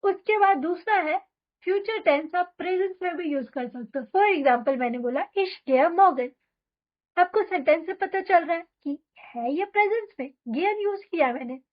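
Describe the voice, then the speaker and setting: High-voiced woman teaching German. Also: highs cut off. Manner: explains quickly, then reads example sentences very slowly for repetition. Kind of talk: spoken language lesson with drills.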